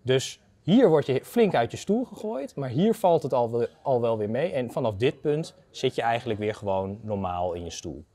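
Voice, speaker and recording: Very animated and warm in tone, a mid-range male voice explains a technical topic step by step at normal speed, with hardly any pauses. The speaker is a data analyst in his thirties, an expert guest taking a conversational, didactic approach. He's recorded in a university building's indoor garden atrium.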